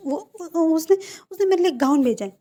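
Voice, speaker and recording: A woman's voice: very high voice, expressive, a little fast, warm tone, pitched above the performer's own voice. A woman voicing an emotional, stubborn young male groom who stammers through indignant outbursts in a storybook reading.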